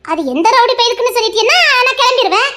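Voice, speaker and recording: High shrill defiant mother, fast and bright, sharp scolding tone, audio drama. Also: lively intonation. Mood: scornful. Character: defiant middle-aged mother refusing a gangster suitor. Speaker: bride's mother.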